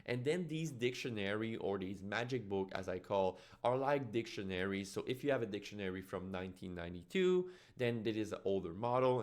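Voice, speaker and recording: A man with a French Canadian accent, a native French speaker, giving an explanatory tutorial as a trainer in an informal way, often checking in with "right?". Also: fairly low pitch. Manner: informal teaching with frequent "right?" check-ins. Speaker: software trainer and tutorial presenter.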